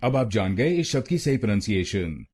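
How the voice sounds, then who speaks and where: A man with an Indian accent teaches pronunciation in a lowish, slightly husky voice. His intonation moves up and down lively as he repeats each word slowly, breaking it into syllables. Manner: slow, deliberate syllable-by-syllable repetition. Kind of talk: scripted pronunciation tutorial.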